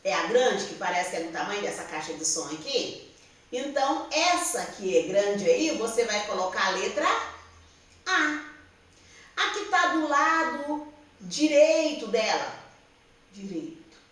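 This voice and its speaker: A Brazilian schoolteacher with a Brazilian Portuguese accent gives a slow classroom explanation to young pupils, patiently repeating herself and checking understanding with "tá?". Her slightly high, somewhat bright voice is very animated yet measured in pace. She sounds distant and somewhat off-mic, with a roomy classroom echo.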